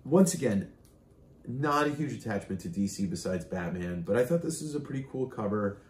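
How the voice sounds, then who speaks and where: A middle-aged man co-hosting a comic collecting show, chatting loudly and eagerly about his finds while seated at a table in a room full of comic shelves. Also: on the low side, fairly quick. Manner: loud, animated and enthusiastic. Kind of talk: casual chat showing off comic finds. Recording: roomy echo.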